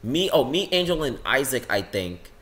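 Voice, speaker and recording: A teenage boy in a casual, rambling monologue about his classmates, saying "like" constantly and swinging his pitch up and down. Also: moderate pace. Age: teens. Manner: rambling, says "like" a lot, lively swings in pitch. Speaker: student vlogger.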